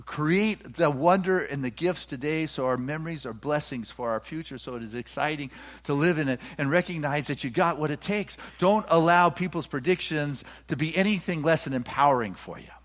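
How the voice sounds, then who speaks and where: Animated man preaching a sermon. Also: a little high, a little fast. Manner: animated storyteller, acts out characters. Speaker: minister. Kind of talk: sermon with storytelling.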